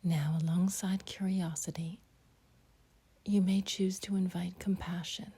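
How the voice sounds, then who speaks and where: A woman's meditation guidance comes in a breathy, very husky voice that's nearly a whisper, low-leaning, mellow, and creaky, with a steady tone. Each gentle phrase is short, followed by a long pause.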